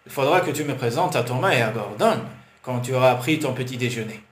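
A man voicing a lively young foreign woman, friendly and chatty with a small boy, with a foreign accent. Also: a bass voice, fairly quick. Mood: cheerful. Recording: roomy with faint hiss.

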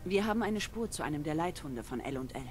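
A woman's voice: low voice, animated, quick pace. A woman playing a stern, resolute resistance leader in a video game, speaking seriously and with command. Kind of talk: scripted game dialogue. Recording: music behind the voice.

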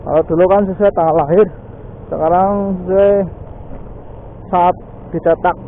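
This motovlog host chats casually on a motorbike outdoors in the city, sprinkling "ya," "guys" and other small fillers throughout. He talks at normal speed in a steady tone, his high voice thin and phone-like over a faint hum of traffic.

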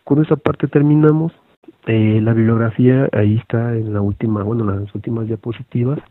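A man's voice: mid-range voice, steady tone, brisk, no echo. A man with a Mexican accent, a teacher giving a conversational online lecture to other teachers, with many fillers and tag questions. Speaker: teacher presenting an online session. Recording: phone-like thin audio.

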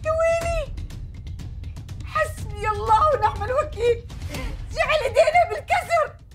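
A woman playing a distraught mother who wails and pleads for her missing son. Her voice is high and tearful. The scene comes from a TV comedy, with faint music underneath. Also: fairly even intonation, fast talker, natural voice. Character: frantic grieving mother of a missing boy.

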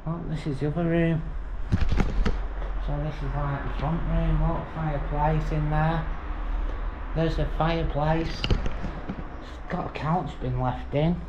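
A man's voice: on the high side, steady tone, slow pace, pauses often. A middle-aged man giving casual, matter-of-fact commentary as he walks through an abandoned hotel. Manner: chatty, matter-of-fact, mild swearing. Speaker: urban explorer vlogger. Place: abandoned hotel and overgrown grounds, in and out of doors. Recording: lo-fi camera audio with background noise.

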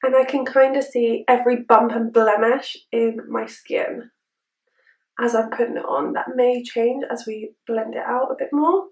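Chatting casually to camera, a young woman beauty vlogger reviews a product with a perky, chirpy energy. Her fairly high voice moves at a slightly slow pace with fairly even intonation, picked up by a distant mic. The echo of the small indoor room is clearly audible.

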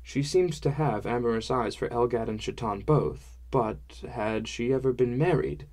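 A man narrating a fantasy audiobook in a measured, wry first-person style. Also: medium pitch, a little mellow.

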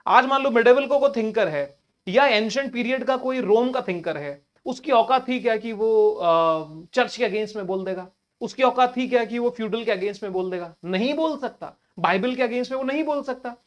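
A man's voice: very high voice, normal speed, lo-fi sound. A male teacher explains an exam-prep lesson in a chatty, informal way. He keeps asking his students rhetorical questions and talks to them like friends. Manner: colloquial address to listeners.

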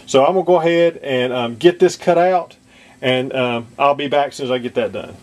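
A man talking through a model aircraft cockpit install at his workbench, off camera, pausing often with ums and restarts. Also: medium pitch, a little mellow. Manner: hesitant, many ums and restarts. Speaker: model kit maker demonstrating installation. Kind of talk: casual how-to demonstration.

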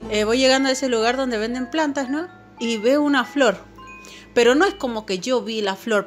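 A woman casually telling a personal paranormal story to her viewers, chatty and full of fillers and little "right?" tags. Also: on the high side. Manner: chatty, filler-heavy, keeps asking "¿no?". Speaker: channel host.

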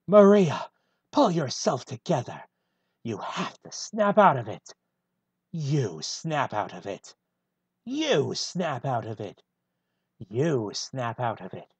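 In a one-take fan reading of a film script, a man does a full character voice for a gruff, brooding male hedgehog antihero, deadpan and husky. His pitch is medium and the recording is dry.

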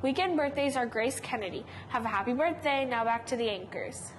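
High girl voice reading birthday names slow, noisy recording, school news anchor vibe. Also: lively intonation. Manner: reads out lists of names evenly. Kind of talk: school announcements.

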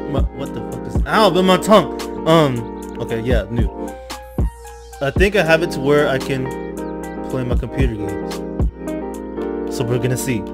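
Over game music, a young man hosting his channel gives jittery, slangy and profane gameplay commentary. His medium-pitched voice moves at a moderate pace with frequent pauses, and his speech is slightly impeded after dental surgery.

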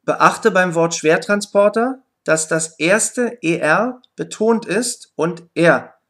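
A man narrating a scripted German pronunciation lesson in standard German, speaking slowly and deliberately with very careful enunciation. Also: high voice, fairly bright tone.

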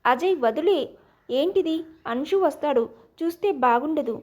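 A woman voicing a young wife who is hurt, proud and quick-tempered, speaking sharply and curtly, in a storybook reading. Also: sits high, lively intonation, a little mellow.

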